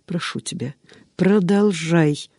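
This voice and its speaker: A man's voice: on the high side, slow pace, darkish tone, slightly rough, no echo, clean studio sound, exaggerated voice. A man reading a frightened young lady. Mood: anxious. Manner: pleading, faltering. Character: anxious young noblewoman, gentle and fearful.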